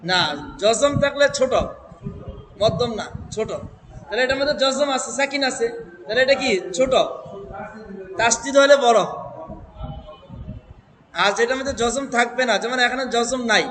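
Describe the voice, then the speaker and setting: A man teaching Quran reading, chanting verses slowly and then explaining them letter by letter while quizzing students and having them repeat. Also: very high voice, noisy background. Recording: echoey hall with long reverb.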